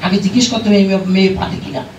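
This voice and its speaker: A man playing excitable, stubborn village men in a comic puppet show, repetitive and insistent. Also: high voice, very fast, highs cut off, a little hiss or hum, lightly acted. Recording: roomy, distant pickup with music.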